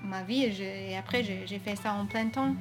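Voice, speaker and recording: A woman's voice: medium pitch, moderate pace, music in the background. A woman from the United States, a native English speaker, speaking French with an American accent as an interview guest. She talks hesitantly and often searches for her words. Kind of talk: interview conversation.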